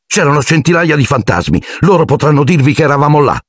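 A man's voice: fairly high pitch, very animated, quick pace, dry recording, studio quality, pitched above the performer's own voice. A man voicing Harry, a nervous young schoolboy wizard defending himself against accusations. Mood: anxious defensive. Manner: defensive, anxious. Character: nervous twelve-year-old schoolboy wizard.

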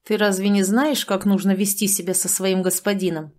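A woman's voice: mid-range voice, fairly even intonation, normal speed, darkish tone, natural voice. A woman voicing a haughty young lord who gives curt, cold orders in a fantasy audiobook. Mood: stern.

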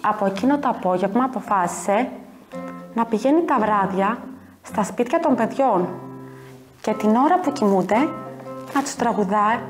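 A kindergarten teacher, a woman, telling a story to young children in an expressive, animated way. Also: mid-range voice, pauses often, soft background music.

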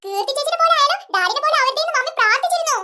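A woman's voice: very high voice, expressive, racing, pushed and bright, full character voice. A woman voicing a chatty little girl who teases her family in a toy-play story. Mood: teasing. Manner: teasing, sassy.

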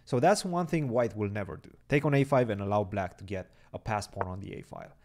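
A man's voice: fairly low pitch, a little fast, a little mellow. A young man giving chatty live chess commentary, thinking aloud about the moves and chatting with viewers.

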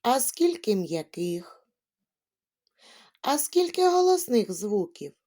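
A woman gives a children's lesson in a gentle, sing-song way. Her voice is mellow and warm, and her pitch swoops up and down a lot. She takes her time over every word. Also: sing-song, takes it slowly. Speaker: teacher.

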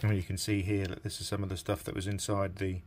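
This middle-aged man's voice sits low, stays fairly flat in pitch, and moves fast as he presents a repair against a noisy background. A radio restorer at his bench in a small indoor workshop, he thinks aloud in an informal, hesitant way.

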